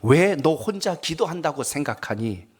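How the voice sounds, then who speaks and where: A man voicing a gentle divine inner voice that speaks softly and low. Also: animated, normal speed, breathy edge. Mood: tender. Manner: soft, low and hushed.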